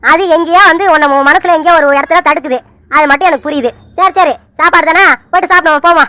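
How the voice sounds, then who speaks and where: A woman voicing a teasing man who chats on the phone in an animated serial, full of mock fear and pleading. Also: very high-pitched, quick pace. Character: man called Surya sir on the phone, teasing. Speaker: cartoon character.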